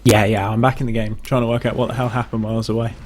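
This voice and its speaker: A man co-casting a live video game match, giving casual quick analysis. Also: lowish voice, little pitch movement. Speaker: esports co-caster.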